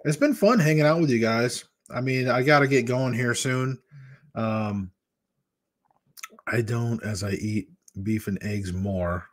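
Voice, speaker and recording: A Michigan man in his fifties hosts a casual live chat as a weight-loss vlogger, talking into a large desk microphone in front of a webcam from a small room at home. His mid-range voice moves a little slowly, and he candidly rambles from story to story.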